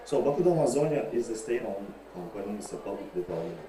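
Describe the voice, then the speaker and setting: Deep-voiced man on an echoey call line. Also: animated, fast. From Brazil. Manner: hesitant, many restarts and repeated words. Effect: echoey remote call line with audio feedback. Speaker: remote presenter at an online panel. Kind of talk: halting presentation on a video call. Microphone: video call. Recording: distant echoey call audio with noise.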